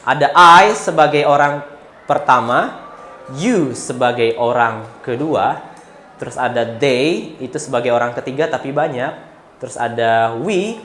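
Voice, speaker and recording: A man with an Indonesian accent teaching English grammar, saying example sentences slowly and with expression. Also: mid-range voice, lively intonation, fairly bright tone, soft background music. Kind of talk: grammar lesson explaining to students. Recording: echoey room with faint ambience.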